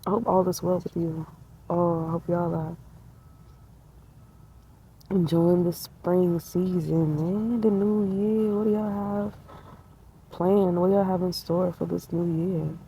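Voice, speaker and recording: A woman's voice: lowish voice, fairly even intonation, slow pace, pauses often, mellow, slight background noise, low-quality recording. A woman in her twenties sitting outdoors in a tree, talking in a casual, reflective way, slangy and spiritual, with laughter. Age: 20s. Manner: laid-back, spiritual, slangy, laughs often. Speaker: vlogger.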